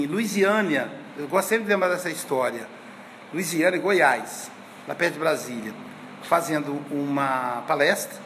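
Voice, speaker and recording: High-voiced man in his fifties. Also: fairly bright tone, slight background noise. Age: 50s. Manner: chatty storyteller, frequent tag questions. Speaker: course teacher. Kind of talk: conversational lecture with anecdotes.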